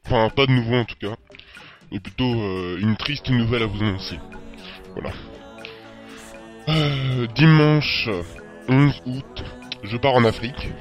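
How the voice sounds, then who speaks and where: A man's voice: mid-range voice, unhurried, long pauses. A teenage young man presenting an informal spoken segment on web radio. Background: music.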